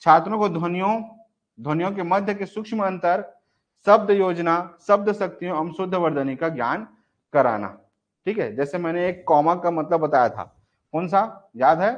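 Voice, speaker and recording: A man's voice: high voice, normal speed. A male teacher giving a live online exam-prep class, asking questions and answering them himself and repeating key points. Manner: repeats key points, often says "ठीक है". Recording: dull lo-fi recording.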